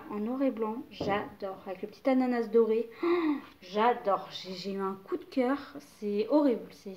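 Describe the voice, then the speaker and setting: A woman's voice: fairly high pitch, dull audio. A young woman casually chatting about clothes to camera, hesitant and full of fillers. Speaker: mother showing baby clothes haul.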